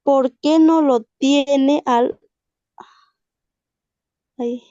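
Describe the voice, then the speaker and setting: A woman reads a literary passage aloud very slowly, stumbling and restarting on difficult words. Her voice is a little high and mellow, sitting close and dry. It comes through muffled video-call audio. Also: steady tone, no echo. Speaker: student reading aloud in class. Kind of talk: halting reading aloud of a literary text.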